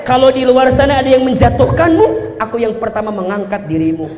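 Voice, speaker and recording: A man voicing a loving wife who slowly and softly soothes her frightened husband. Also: very high-pitched, steady tone. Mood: tender. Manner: soft, slow, soothing whisper. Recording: echoey hall with background noise.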